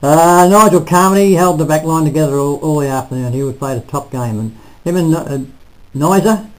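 An older man reviewing a local football match in casual, halting talk full of restarts, recorded on a close webcam in a small room. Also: on the high side, low-quality recording. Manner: rambling, halting, self-correcting. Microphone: webcam at close range.

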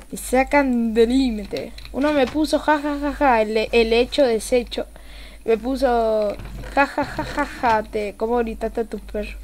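A young woman with an Argentine accent doing live gameplay commentary as a streamer, excitable, swearing casually and swinging from low mutters to sudden yelling. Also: slight background noise. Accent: Argentine Spanish.

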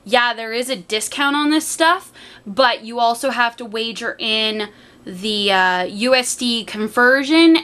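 A Canadian woman in her twenties chatting casually in an unboxing vlog, keeping her voice fairly quiet at night in a room at home. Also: a little high. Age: 20s. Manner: keeping fairly quiet at night while someone sleeps nearby. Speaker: vlogger. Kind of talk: casual unboxing and review chat. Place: small home room, indoors. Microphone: camera mic a short distance away. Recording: home camera recording with faint background noise.

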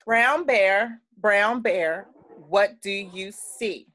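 Slow, bright-voiced preschool teacher. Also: female voice, medium pitch. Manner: slow, clear, sing-song repetition for small children. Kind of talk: reading a picture book to children on a video call. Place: classroom with a calendar, indoors. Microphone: laptop webcam on a video call.

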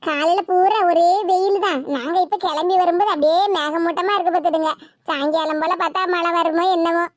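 A woman's voice: very high-pitched, steady tone, brisk, no echo, clean studio sound. A woman doing a polite cartoon in-law. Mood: chatty. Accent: Tirunelveli Tamil. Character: polite visiting in-law, older woman, mild and courteous. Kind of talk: animated cartoon comedy voice.

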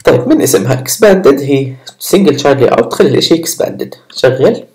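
A man's voice: mid-range voice, expressive, normal speed, darkish tone. A man teaching a casual coding tutorial, chatting with viewers as he types at his computer. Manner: chatty, talks to viewers while typing code. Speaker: programming instructor. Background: keyboard typing.

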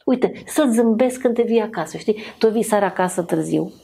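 A woman talking as a podcast guest in a casual, animated way, acting out what people say. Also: mid-range voice, gravelly. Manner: animated, acts out quoted voices.

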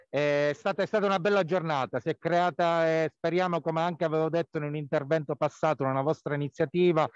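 Male activist calling in by phone from a square, dull lo-fi line, very dry sound, slightly high voice, halting delivery. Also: clean tone, dry recording. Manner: halting, many fillers and restarts. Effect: over the phone. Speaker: health care worker and committee activist. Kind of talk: live report at a rally. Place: outdoor town square. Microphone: mobile phone.

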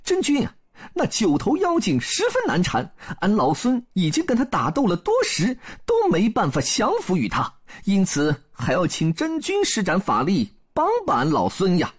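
High, husky, swooping Monkey King. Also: moderate pace, full character voice. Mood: earnest pleading. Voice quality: high-pitched, sharp. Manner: excitable, swooping delivery. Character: Monkey King, brash, clever, sociable monkey hero.

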